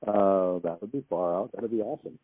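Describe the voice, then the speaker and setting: A man talking on a phone call, laid-back and hesitant, with a patchy, cutting-out line. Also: on the low side. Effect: heard over a phone line. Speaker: artist taking a phone call.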